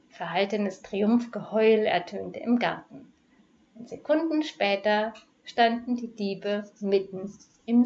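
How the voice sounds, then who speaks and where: A woman reading a cozy crime story aloud in a measured, expressive storytelling manner. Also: mid-range voice, muffled recording. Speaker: narrator. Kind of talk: scripted narration of a crime story.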